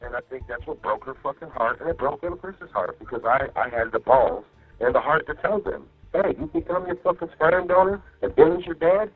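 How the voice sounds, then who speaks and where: On a muffled jail phone line with faint music, a man pours out casual, profane complaints to his partner. His voice is on the high side and a little fast. He rambles and repeats himself, checking with "you know what I mean."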